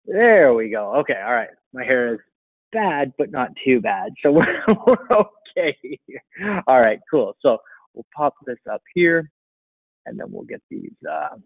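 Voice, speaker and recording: A middle-aged marketing coach hosts a casual webinar Q&A from his computer indoors, explaining things in an informal, conversational way. His mid-range voice is very animated but a little slow. The audio is dull, dry and lo-fi, with no room sound.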